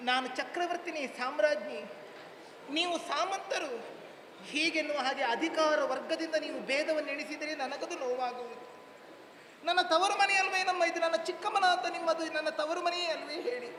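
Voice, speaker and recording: A man playing a gentle young queen, pleading in ornate stage declamation at a live temple theatre show. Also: extremely high pitch, brisk. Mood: earnest. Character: noble young queen in disguise, gentle, devoted daughter. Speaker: stage actor in a female role. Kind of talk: Yakshagana theatre dialogue. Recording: echoey hall, noisy live ambience.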